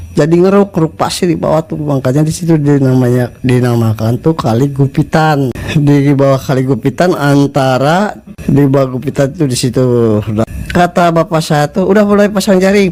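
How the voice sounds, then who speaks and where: A man telling a true-life ghost story in casual, rambling speech, repeating words. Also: mid-range voice. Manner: rambling, repeats words, acts out shouted quotes.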